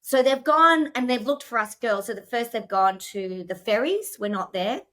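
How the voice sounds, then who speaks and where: Bright-voiced woman telling her story. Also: on the high side, lively intonation, moderate pace. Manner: tells her story in a rush, with many "like"s and restarts; emotional at moments. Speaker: podcast guest. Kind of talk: personal storytelling in a podcast interview.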